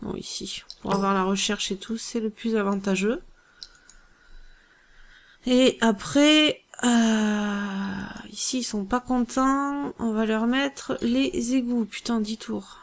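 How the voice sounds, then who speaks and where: Slow gravelly woman commenting a game. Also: fairly high pitch. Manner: musing, hesitant, lots of filler pauses. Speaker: let's play host. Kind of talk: gameplay commentary thinking aloud.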